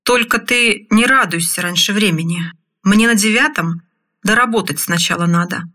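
A woman playing a rough convict foreman: eager, colloquial, husky. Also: mid-range voice, moderate pace, sharp tone.

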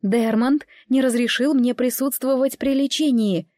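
A woman's voice: high voice, steady tone, unhurried, a little mellow, no echo, studio quality. A woman voicing a firm protective older sister. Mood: worried.

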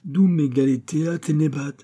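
A man's voice: on the high side, normal speed, mellow, pitched above the performer's own voice, natural voice. A man voicing a naive, sly young village man who pleads in a mock-polite, wheedling way.

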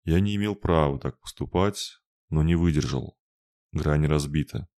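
A man voicing a weak, gentle male spirit creature who speaks in a tired, rustling way. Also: a bass voice, a little slow. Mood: weary. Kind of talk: audiobook narration.

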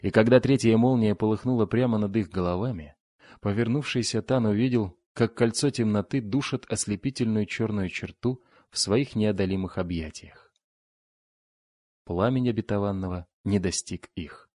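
A man narrating a fantasy audiobook in a steady, dramatic reading on a close studio mic. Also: fairly low pitch, moderate pace, no echo. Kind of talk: scripted narration.

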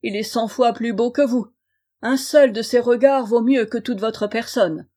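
A woman playing a cruel king who shouts. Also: medium pitch, animated, moderate pace, slightly rough. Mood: threatening. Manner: loud, threatening shouting. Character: cruel wicked male king, furious.

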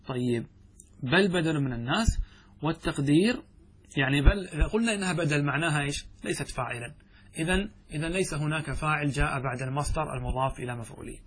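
A man with a fairly high, fairly bright voice and a breathy edge leads an Arabic grammar class. He reads the text aloud, walks through it step by step, and often asks the students questions before answering them himself.

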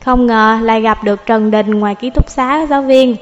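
A woman narrating a novel audiobook in a calm, even storytelling manner, over faint music. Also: a little high, moderate pace, highs cut off.

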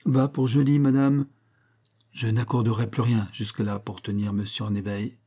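A man voicing a calm, scheming young female maid, politely deferential and matter-of-fact. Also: medium pitch, moderate pace, slightly rough, close to an everyday voice. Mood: assured.

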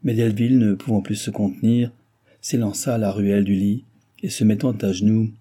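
A man narrating a classic novel aloud in a measured, even literary style. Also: on the low side, husky. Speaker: audiobook narrator.

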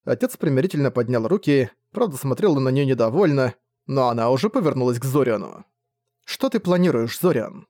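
A man narrating a fantasy novel in a steady, measured reading. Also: mid-range voice, no room sound, studio quality. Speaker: audiobook narrator. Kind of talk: scripted narration.

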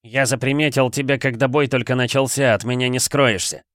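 A man's voice: mid-range voice, steady tone, a little fast, a bit bright, dry recording, clean studio sound, lightly acted. A man voicing an arrogant, cruel teenage boy bandit who speaks haughtily and threatens. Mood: menacing, haughty.

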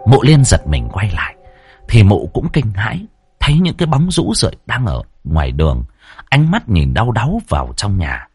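A man telling a ghost story with dramatic, very animated pitch. His voice is husky and sits on the low side. The recording is dry and close. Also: moderate pace, no room sound, soft background music. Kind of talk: spoken ghost story narration.

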